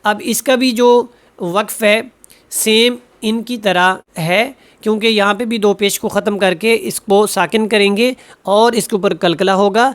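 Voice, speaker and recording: A male Quran teacher giving a tajweed lesson, correcting common mistakes in a patient, steady way. He stops to recite each verse slowly and carefully, stretching out the sounds, then goes back to plain explanation. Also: sits high. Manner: patient, corrective, often checks with "okay?".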